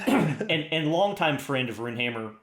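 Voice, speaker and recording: A man's voice: a little high, lively intonation, moderate pace, fairly bright tone. A man co-hosting a podcast, chatting casually and enthusiastically, rambling with frequent restarts. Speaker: podcast co-host. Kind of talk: casual chat. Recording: roomy echo.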